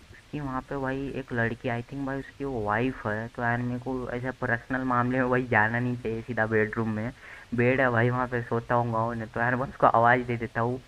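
Brief: young gaming host, chatty and buddy-like, bright tone, flat delivery. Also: male voice, medium pitch, a little hiss or hum, low-quality recording. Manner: chatty, addresses viewers as bhai, shouts when the game goes wrong. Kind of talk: casual Hindi gameplay commentary.

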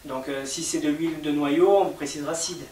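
A French-accented man explains things patiently and step by step, leaning on fillers as he goes. His voice sits a little high, and he sounds distant from the mic in an echoey room with a faint hiss under it. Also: steady tone, brisk, darkish tone. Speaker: cosmetics maker interviewed. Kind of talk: explanatory interview talk.

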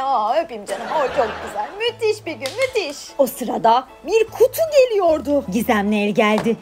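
A woman narrating a playful toy story as a vlogger. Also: sits high.

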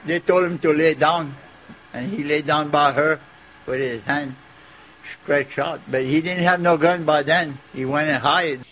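An older man with a Cajun accent giving a plain, halting eyewitness account in a folksy way. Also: a little high, a bit bright. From Louisiana. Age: older, about 70. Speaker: eyewitness neighbor. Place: covered porch outdoors. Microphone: handheld TV reporter microphone. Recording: muffled, noisy outdoor TV interview.

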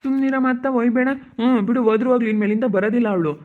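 Man as a calming village elder brother. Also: extremely high pitch, rapid-fire. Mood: pleading. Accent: rural Chitradurga Kannada. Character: older village brother-figure, calm mediator. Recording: tinny phone-like recording.

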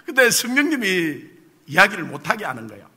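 High, very bright-voiced male pastor preaching. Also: very animated, brisk, slightly rough. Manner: humorous storytelling with rhetorical questions to the congregation. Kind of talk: sermon with personal testimony. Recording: long reverb of a church hall.

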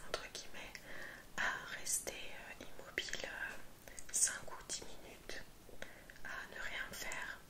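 A young adult woman doing an ASMR show-and-tell in a soft, library-like whisper, with hesitant pauses between short phrases. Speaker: ASMR video creator. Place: small room at home, indoors.

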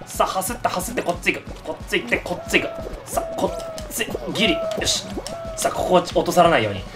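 A man hosting excited game commentary, yelling at his teammates and the game. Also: sits high, fast talker, music in the background. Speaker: gaming channel host.

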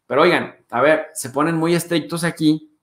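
A Mexican man with a Mexican accent hosting his show, talking in a chatty, animated way with playful swearing. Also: fairly high pitch, normal speed, reverberant. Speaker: host. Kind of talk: animated casual monologue.

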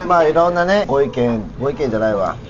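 A man's voice: mid-range voice, expressive, fast, over music. A young man hosting a casual chat over drinks in a campy, effeminate way of talking. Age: young adult. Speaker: video host. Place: restaurant table, indoors. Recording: dull sound, restaurant chatter.

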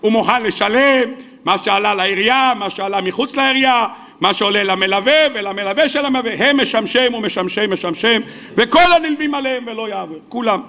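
A man delivers a weekly sermon as a rabbi, his voice pitched unusually high and tense with brightness. He tells stories with animation, slipping into the characters' dialogue and turning to his listeners with questions. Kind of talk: sermon with storytelling.

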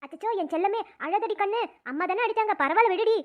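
A woman voicing a kind, playful young woman in a cartoon, coaxing a friend gently. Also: very high-pitched, quick pace, dry recording, muffled recording.

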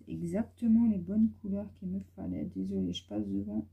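Coloring on camera in her home, a woman who has a young son rambles casually, filling her talk with fillers. Her fairly low voice swings widely in pitch and moves fairly quickly, with vocal fry and a breathy edge, heard through narrow, tinny audio.

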